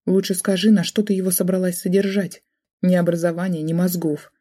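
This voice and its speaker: A cold, contemptuous middle-aged mother in an audiobook, voiced by a woman reader. She talks in a sarcastic, scornful way, with a dark, husky tone. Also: fairly low pitch, level tone, fairly quick, natural voice.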